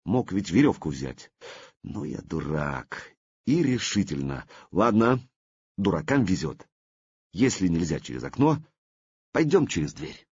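A male reader voicing a bold, daring young warrior with a Norse accent, speaking low and calmly. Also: unhurried, husky, dry recording, lo-fi sound, heavily acted. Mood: rueful. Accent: Norse-tinged Old Russian speech. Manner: low, steady, menacing calm.

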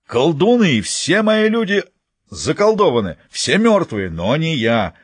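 A man voicing a huge, fierce warrior queen who speaks in hoarse, broken sentences, slow and menacing. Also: big pitch swings, no echo, clean studio sound, full character voice. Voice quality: hoarse bass, broken grammar.

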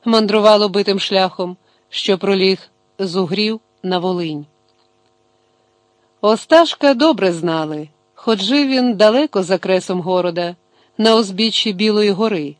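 A man reading a novel aloud as an audiobook in measured, expressive narration. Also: high-pitched, no echo. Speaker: audiobook reader. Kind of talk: scripted narration.

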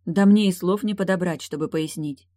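A reader voicing a proud, sharp-tongued young widow in an audiobook, speaking curtly. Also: medium pitch, normal speed, no room sound, studio quality, close to an everyday voice. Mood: grumbling. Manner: grumbling, curt.

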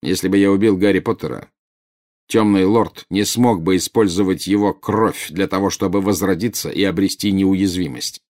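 A man playing a cold, insinuating male double agent in an audiobook, speaking in a measured, condescending way. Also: low voice, fairly even intonation, a little mellow, natural voice. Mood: cold, silky.

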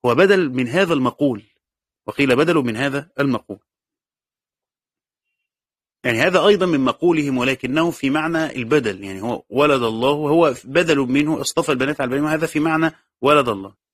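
In a clean, dry studio recording, a man with an Egyptian Arabic accent lectures as a teacher of Quran commentary. Speaking quickly in a mid-range voice, he reads a passage, explains it, and goes back over the key words.

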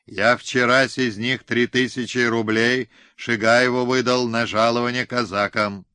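A man's voice: medium pitch, level tone, measured pace, bright, forceful tone, smooth, no echo, clean studio sound. A man voicing a stern, irritable rebel leader who talks curtly, in an audiobook. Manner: curt and irritated. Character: stern, irritable peasant-tsar leader, male. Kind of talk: audiobook character reading.

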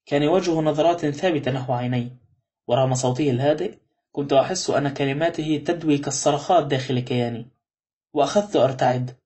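A man narrating a novel in the first person at a brisk, steady pace. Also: on the high side. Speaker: audiobook narrator.

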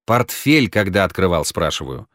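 A man reading an audiobook, voicing a calm, sardonic man who questions others dryly. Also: sits low, moderate pace, no room sound. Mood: cool. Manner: dry, calm, mocking. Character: cool, sardonic man, interrogating calmly.

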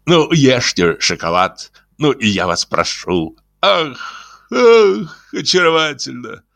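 A man's voice: medium pitch, sing-song, takes it slowly, gravelly, fairly bright tone, no echo, voice pushed up, heavily acted. A man voicing a fawning, giddy grown man who gushes in breathless sighing exclamations in an audiobook. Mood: gushing. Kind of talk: audiobook character voice.

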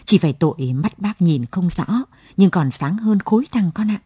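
An eager, half-blind male friend who urges everyone along, heard in a late-night radio story, as a woman narrator reads his part. The voice is husky and close, with a dry sound. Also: on the low side, animated, mellow, no echo. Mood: hearty. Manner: brisk, hearty and urging.

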